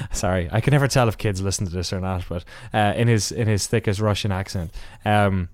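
A man's voice: on the low side, expressive, moderate pace, dry recording, clean studio sound. A man hosting a podcast, giving a casual race recap with wry asides, rambling through many fillers and restarts. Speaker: podcast host.

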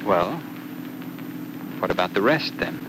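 An actor playing an eager, romantic young suitor in an old radio serial, earnest and lightly joking. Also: male voice, low-pitched, lively intonation, takes it slowly. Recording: noisy old radio recording.

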